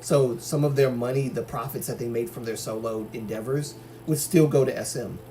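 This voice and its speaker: A man's voice: medium pitch, warm tone. A man from Algeria hosting a livestream, chatting casually and giving his opinions with many fillers and restarts. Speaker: livestream host. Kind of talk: casual chat reading viewer comments.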